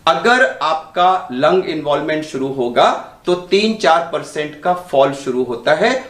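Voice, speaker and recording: A man demonstrating breathing and walking tests in a calm, instructive way as a doctor. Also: fairly high pitch, unhurried, reverberant, distant mic. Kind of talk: health demonstration talk. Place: indoor room.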